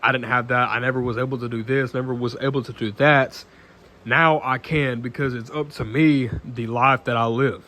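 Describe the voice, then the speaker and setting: A nineteen-year-old man talking casually to camera in an earnest, halting way, full of restarts and fillers, often clearing his throat. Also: mid-range voice, steady tone, pushed and bright. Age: late teens. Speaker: vlogger.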